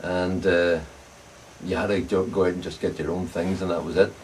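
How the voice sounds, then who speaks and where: Being interviewed, a veteran club racing cyclist and bicycle frame builder from Northern Ireland recalls the past in a casual way. He's older, about 70 or more, with an Ulster accent and a low, slightly mellow voice that barely shifts in pitch at normal speed. Background noise is clear and the mic sits far off.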